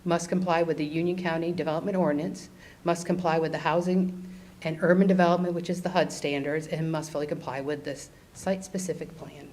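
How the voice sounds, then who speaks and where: A woman's voice: low voice, fairly even intonation, a little fast, a little mellow. A woman speaking as a staff presenter at a public meeting. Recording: faint room noise.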